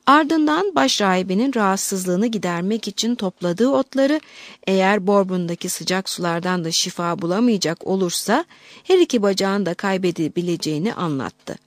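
A woman narrating an audiobook in a measured, expressive reading. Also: mid-range voice, no room sound.

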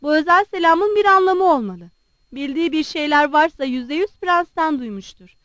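A woman reading the part of a frank, sharp-tongued young woman who talks briskly to her brother, in an audiobook. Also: high-pitched, expressive, no room sound.

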